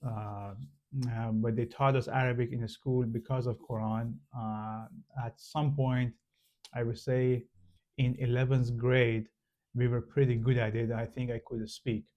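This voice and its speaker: A channel host from Iran, a native Farsi speaker with a Persian accent, casually explains things to the camera, his speech full of pauses, fillers and restarts. His mid-range voice stays level in tone, and the recording sounds muffled.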